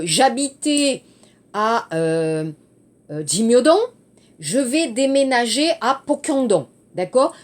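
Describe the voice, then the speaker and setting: A French teacher goes over exercise answers in an online language lesson, taking her time. Her high, darkish voice rises and falls a great deal as she spells out word endings, explains each adjective simply, and slips into Korean glosses.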